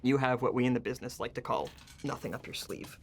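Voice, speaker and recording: Smug young male suspect played by a man, film drama: jittery, sarcastic, very quick, mid-pitched. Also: creaky, slight background noise, close to an everyday voice. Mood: smug, taunting. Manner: rapid-fire, jittery, sarcastic delivery. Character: cocky, smug young male magician under police interrogation. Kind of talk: naturalistic film acting.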